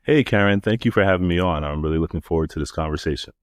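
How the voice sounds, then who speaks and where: A middle-aged man, chatting casually as a podcast guest, relaxed, with many fillers and restarts. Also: low voice, rapid-fire, dry recording, clean studio sound. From New York (the Bronx). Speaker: podcast guest, marketing agency founder. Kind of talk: casual interview chat.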